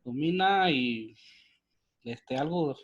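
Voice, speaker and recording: A man answering as a student in an online language class, hesitant and halting, listing words with fillers. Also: medium pitch, animated, slightly rough, lo-fi sound. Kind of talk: class participation.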